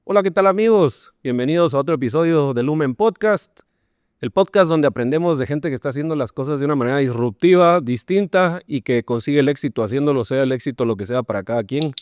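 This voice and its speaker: A man hosting a podcast interview, asking friendly, relaxed questions. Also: a little high, fast talker, slight background noise. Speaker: podcast host.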